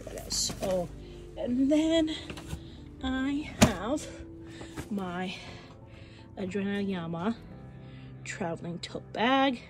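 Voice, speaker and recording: A young woman from Zambia talks casually to the camera while she packs for a trip. She rambles with plenty of fillers and little laughs, and her voice sits at an ordinary middle pitch. Soft music plays quietly behind her. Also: expressive, extremely slow, pauses often. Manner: chatty, laughs often, many fillers and restarts. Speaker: vlogger. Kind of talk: casual vlog chat while packing. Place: bedroom at home.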